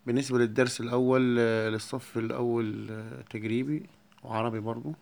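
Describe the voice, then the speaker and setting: A man with an Egyptian Arabic accent explaining a beginner lesson, repeating each word slowly and clearly for his pupils. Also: mid-range voice, little pitch movement, a little mellow. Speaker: French teacher.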